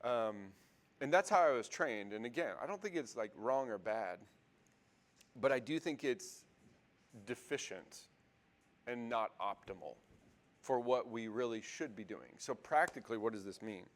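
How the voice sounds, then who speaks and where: A man's voice: medium pitch, lively intonation, measured pace. Guy teaching a bible class, loose and chatty, lots of ums, asks the room stuff. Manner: conversational, many fillers and restarts, asks the class questions. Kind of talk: casual classroom lecture.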